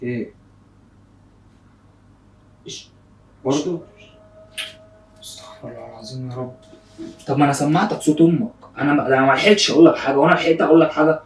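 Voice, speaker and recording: A man's voice: on the high side, fast talker, pauses often, slight background noise. A young man with an Egyptian accent, pleading and apologizing anxiously, repeating himself over and over in a casual prank vlog. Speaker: prankster vlogger. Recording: roomy sound from a distance.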